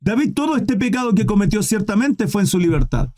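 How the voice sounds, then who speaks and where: A man's voice: high voice, very animated, brisk, darkish tone. A man preaching a sermon with fervent, questioning delivery, often calling listeners "brother".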